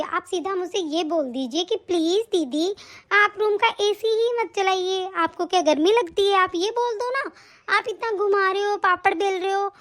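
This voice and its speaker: A woman voicing a young new mother in an animated story, pleading and defending herself. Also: very high-pitched.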